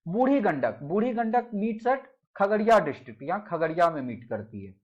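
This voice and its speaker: A man's voice: high voice, sing-song, normal speed, muffled recording. A man teaching a slide-based geography lesson for exam prep, mixing in English phrases and repeating key names in lists.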